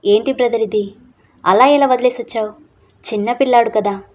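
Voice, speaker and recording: A woman's voice: on the high side, moderate pace, lightly acted. A woman voicing a frank, practical young brother-in-law. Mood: urging. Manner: urging, matter-of-fact.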